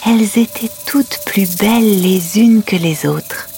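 A woman's voice: mid-range voice, slow pace, mellow, soft background music. A woman playing a patient, tender mother who tells her children a fairy tale at bedtime. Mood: hushed wonder. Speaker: storyteller. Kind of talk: audio story, bedtime storytelling.

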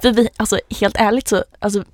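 A young woman co-hosting a podcast, telling stories in a lively way and acting out dialogue. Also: medium pitch, dry recording, clean studio sound. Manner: lively storyteller, acts out dialogue. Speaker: podcast co-host. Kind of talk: casual chat.

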